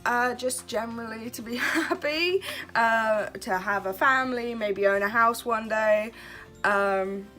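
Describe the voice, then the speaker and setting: A woman's voice: on the high side, measured pace, sharp tone, soft background music. A woman in her twenties from Kent, chatting casually and laughing at herself as she answers questions for her vlog. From Kent, England. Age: 20s. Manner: chatty, self-deprecating, laughs often. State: relaxed late at night. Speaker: vlogger. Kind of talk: casual get-to-know-me chat.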